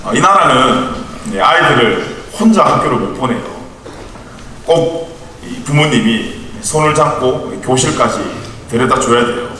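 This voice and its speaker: A man's voice: medium pitch, animated, a little slow, sharp tone, slight background noise. A man in his thirties who ministers to young adults, giving a conversational sermon and telling family stories with light humor in a church hall. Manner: chatty storytelling with light humor. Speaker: youth ministry evangelist. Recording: echoey church hall from far off.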